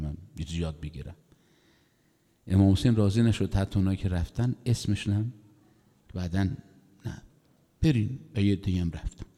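A middle-aged male preacher with a low, mellow voice gives an emotive sermon. He tells the story with feeling, leaping up in pitch for the dramatic parts and falling back to quiet asides. A long reverb hangs on every word in a large hall. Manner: emotive, rising to high impassioned pitch when voicing the story, drops to soft asides. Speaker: cleric preacher.

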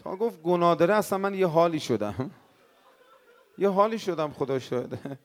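A male cleric telling a mournful story in a sermon, swinging from hushed words to crying out. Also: a little high, lively intonation. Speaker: cleric preacher.

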